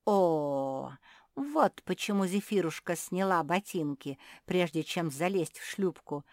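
A woman voicing a lively, insistent young female pug in a children's audiobook, with a raised, eager voice. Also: fairly low pitch, takes it slowly, no room sound, clean studio sound.

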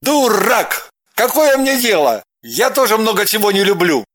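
Мужчина изображает взбешённого ревнивого мужа. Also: male voice, fairly high pitch, lively intonation, slow, a little hiss or hum. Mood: furious. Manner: shouting, snapping, harsh. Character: jealous furious husband, middle-aged man. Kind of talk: audiobook character voice.

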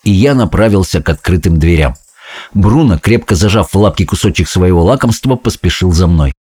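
A man's voice: low voice, expressive, brisk, warm tone, breathy edge. A man narrating a children's story in the first person, reading expressively. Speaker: audiobook reader.

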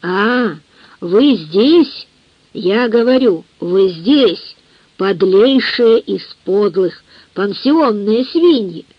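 A woman's voice: mid-range voice, expressive, breathy edge, no echo, heavily acted. Woman reading as a drunken raging old father. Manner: slow, bellowing tirades. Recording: muffled lo-fi dry recording.

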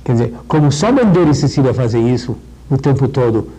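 A middle-aged man giving a literature lecture, talking in a rambling, discursive way with restarts and slowing down to recite verse. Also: mid-range voice, expressive, warm tone, husky, low-quality recording. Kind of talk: literature lecture with poem readings.

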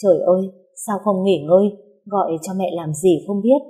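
Woman reading a fussing mother, scolding, worried, dark voice, husky. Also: mid-range voice, normal speed, lightly acted. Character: worried middle-aged mother on the phone, fussing.

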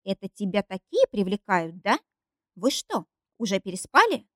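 A woman's voice: mid-range voice, very animated, moderate pace, dry recording, clean studio sound, close to an everyday voice. A woman reading an audiobook, voicing an emotional young woman who is jealous and accusing. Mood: pleading, jealous. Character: clingy, jealous young woman, shrill and pleading.

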